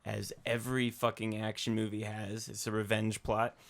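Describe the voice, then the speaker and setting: A man's voice: fairly low pitch, completely flat delivery, normal speed, creaky, a bit bright. A man co-hosting a casual movie podcast, rambling through a plot summary with fillers and laughing asides. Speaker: podcast co-host. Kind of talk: casual chat about movies.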